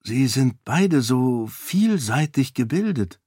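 A man's voice: mid-range voice, big pitch swings, unhurried, gravelly, darkish tone, breathy edge, dry recording, clean studio sound, voice pushed up, heavily acted. A man doing a curious young princess.

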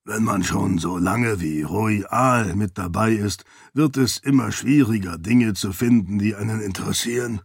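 Casting: stout wry uncle, voiced by a man, deep gravelly rasp, low and husky, dry close sound. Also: unhurried, few pauses, no echo, full character voice. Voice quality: deep, raspy.

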